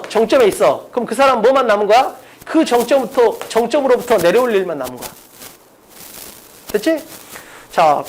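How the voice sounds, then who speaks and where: Exam-prep lecturer, casual and pushy, drills the class with quick rhetorical questions and a very lively, swooping pitch. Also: a little hiss or hum. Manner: emphatic, pleading with students.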